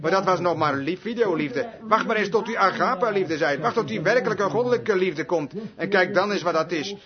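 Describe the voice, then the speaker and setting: A male preacher delivers a sermon with a high, ringing voice. He tells his story emphatically, moving between loud declarations and hushed passages. The recording is dull and lo-fi. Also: animated, a little fast, crowd noise.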